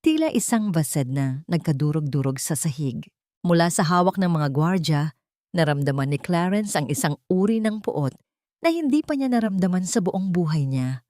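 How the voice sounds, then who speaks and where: A woman's voice: lowish voice, expressive, normal speed, warm tone, no room sound, studio quality. A woman telling a dramatic story in scripted narration, shifting her voice a little for the characters.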